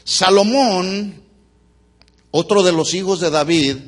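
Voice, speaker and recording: A man with a high voice preaches a sermon in church. He teaches and keeps asking the congregation questions. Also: slow. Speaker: pastor.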